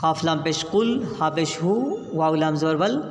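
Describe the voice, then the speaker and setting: A man's voice: a little high, normal speed, slight background noise. A man teaching Quran reading, spelling out each letter and vowel patiently before reciting the whole phrase. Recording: echoey room, long reverb.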